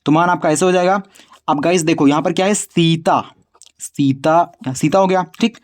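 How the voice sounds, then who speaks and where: A man teaching spelling on his video channel. He talks casually, calls the viewers brother and kids, and slowly repeats each word as he spells it out. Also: high voice, steady tone. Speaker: English tutor on a video channel. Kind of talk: casual spoken lesson, spelling out words.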